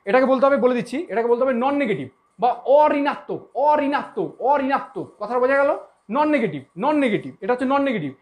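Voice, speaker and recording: A woman's voice: high voice, animated, fast, muffled recording. A woman teaching a math lesson, who repeats her points and keeps asking if she was understood. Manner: repetitive, keeps checking understanding.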